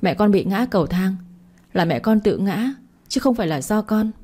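A woman's voice: medium pitch, lively intonation, normal speed, mellow, breathy edge. A woman voicing a scheming grown daughter who pleads and stammers defensively. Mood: scared.

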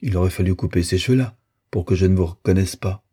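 A man reading a weary, gently gruff gentleman. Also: low voice, fast talker. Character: weary middle-aged man meeting a child. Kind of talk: audiobook dialogue reading.

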